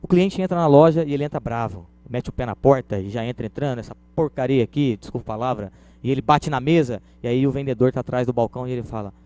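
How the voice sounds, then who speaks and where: A man's voice: mid-range voice, fast, mellow, no room sound. A Brazilian man giving a conversational lecture, illustrating points with everyday stories. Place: lecture room.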